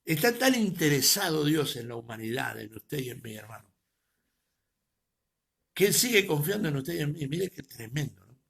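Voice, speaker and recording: Gravelly-voiced man preaching with loud swells. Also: fairly high pitch, big pitch swings, normal speed. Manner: swings between loud emphatic peaks and near-murmured trailing words. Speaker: pastor. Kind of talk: sermon. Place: preaching to an online audience.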